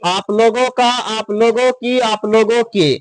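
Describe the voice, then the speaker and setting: A teacher stands before his class and drills them in a slow, repetitive rhythm. He spells words letter by letter and throws questions back at the students for them to answer. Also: high voice, steady tone, a little hiss or hum. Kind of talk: classroom lesson.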